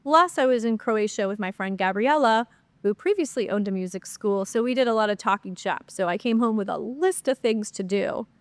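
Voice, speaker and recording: Here a podcast host, a woman with a medium-pitched voice, does a casual solo Q&A at a normal speed with no echo. She's chatty and upbeat, uses plenty of fillers, and her cold makes her sound slightly nasal and stuffy.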